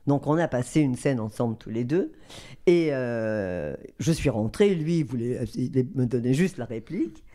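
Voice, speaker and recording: An older woman from southern France, a guest voice actress telling lively anecdotes and acting out the people she quotes. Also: rumbling low. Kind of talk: anecdotal storytelling.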